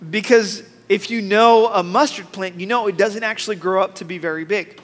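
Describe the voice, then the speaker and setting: A man's voice: high-pitched, fairly even intonation, normal speed. A man preaching a sermon as a pastor, telling the story in a conversational way with humor and repeated phrases. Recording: long hall reverb.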